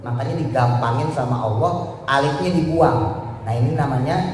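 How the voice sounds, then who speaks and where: A man's voice: mid-range voice, moderate pace, darkish tone. Guy teaching a religious text class, reads arabic bits then explains, kinda jokey, far off mic, faint hum behind. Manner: joking, talks directly to the listeners. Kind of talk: kitab study lesson. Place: large hall for a public religious gathering. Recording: echoey hall from far off.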